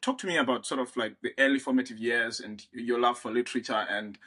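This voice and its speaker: A man's voice: medium pitch, fast, bright, forceful tone. A man hosting an interview podcast, talking in a casual, friendly way with lots of hesitation and restarts. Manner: hesitant, many fillers and restarts, friendly laughs. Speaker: podcast host.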